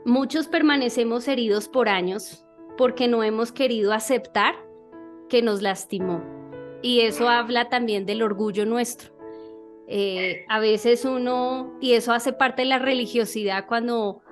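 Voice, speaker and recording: A woman with a fairly high voice gives a relaxed sermon talk. She speaks conversationally, pausing on fillers and checking in with her listeners, over faint background music.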